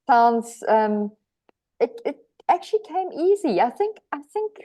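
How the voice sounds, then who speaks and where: Mellow-voiced South African woman author. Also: a little high, sing-song, measured pace. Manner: hesitant, many restarts, laughs easily. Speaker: author guest. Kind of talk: podcast interview.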